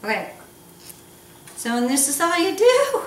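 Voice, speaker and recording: A woman's voice: very high-pitched, huge pitch swings, a little slow. A woman hosting a casual cooking lesson with a jokey, playful manner and teasing asides. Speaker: cooking show host. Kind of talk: casual instructional cooking chat. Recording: echoey room, distant mic, noisy background.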